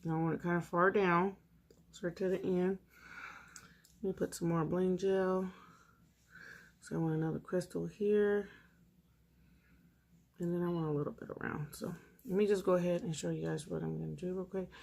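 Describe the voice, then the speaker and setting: A woman's voice: lowish voice, moderate pace, gravelly, long pauses. Woman chatting casually during nail art. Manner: relaxed, chatty, talks while working. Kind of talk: casual tutorial chat.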